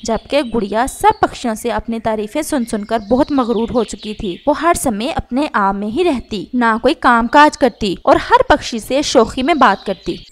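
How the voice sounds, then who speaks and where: A woman narrating a children's cartoon story. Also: a little high.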